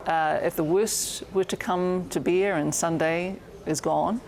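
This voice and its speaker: A woman giving a halting answer in an interview. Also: fairly low pitch, steady tone, a crowd in the background, rough recording.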